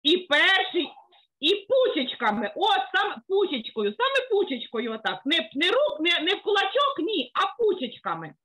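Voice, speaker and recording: A woman's voice: very high voice, wildly swooping pitch, normal speed, pushed and bright, low-quality recording. A woman leading young children through a finger-exercise lesson over a video call, coaxing and sing-song, with constant praise. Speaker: children's teacher.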